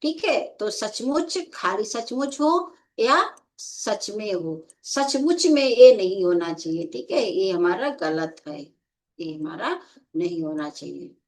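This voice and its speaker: A woman's voice: medium pitch, expressive, slow. A woman teaching Hindi grammar in an exam coaching lecture, explaining step by step and often checking understanding.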